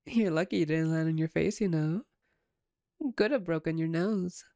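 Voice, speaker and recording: Playing a smug female vampire who holds a captive, a woman in an ASMR roleplay sounds playful, flirtatious and commanding. Her low, dark voice teases wryly without hurry. No echo is present.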